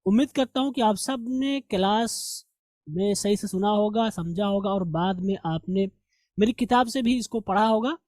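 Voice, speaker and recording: Male teacher, warm and dry, patiently walks through grammar rules in a recorded lesson. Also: sits high, normal speed, no echo. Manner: explains step by step, asks and answers his own questions.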